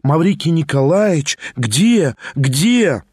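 A man's voice: fairly high pitch, very animated, slow pace, darkish tone, husky, no room sound, heavily acted. A man voicing a dazed, fragile young woman. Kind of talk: audiobook character reading.

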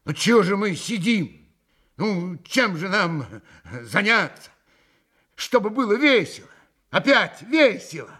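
A man voicing an impulsive, excitable young man who shouts and carries on. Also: high voice, slow pace, pauses often, pitched above the performer's own voice, heavily acted. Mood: eager. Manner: shouting, exuberant.

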